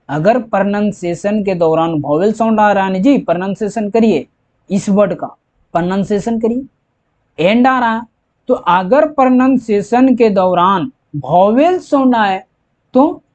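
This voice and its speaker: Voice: mid-range voice, a little mellow. An English teacher explaining grammar step by step, repeating each point and answering their own questions. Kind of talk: slow classroom explanation. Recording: dull lo-fi recording.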